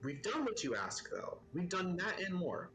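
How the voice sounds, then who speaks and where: A man playing his character in a tabletop game, argumentative and lively. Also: high voice, moderate pace, vocal fry, slight background noise, rough recording. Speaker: player.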